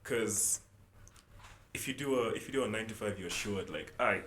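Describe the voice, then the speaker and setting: A young man from South Sudan with a lowish voice talks easily about his music, wandering through his thoughts with plenty of "like" and "you know". The room is echoey, with a faint hiss under the voice. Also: moderate pace. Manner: relaxed, rambling, often restarts with "like" and "you know". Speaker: musician guest. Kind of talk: casual interview talk.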